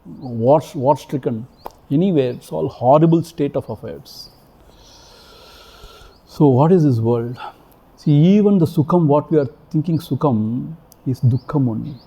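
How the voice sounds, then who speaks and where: A man delivers a spiritual discourse to a retreat audience in a hall, emphatic and repetitive, leaning on rhetorical questions. His voice is a little high, warm and slightly rough, unhurried with long pauses.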